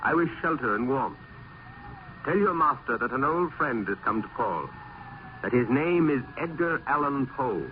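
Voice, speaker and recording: A man playing a weary, foreboding gentleman poet in a gothic radio drama, with formal, literary speech. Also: mid-range voice, big pitch swings, a little slow, a little hiss or hum. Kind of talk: old-time gothic radio drama acting. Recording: muffled vintage radio recording, loud music.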